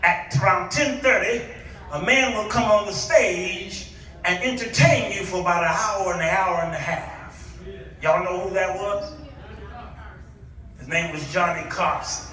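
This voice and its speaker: A middle-aged guest preacher from Chicago addresses a congregation in a church hall, nostalgic, theatrical and exclamatory, leaning on rhetorical questions. His voice sits high with a sharp tone, at a measured pace. The recording is echoey, captured from a distant microphone.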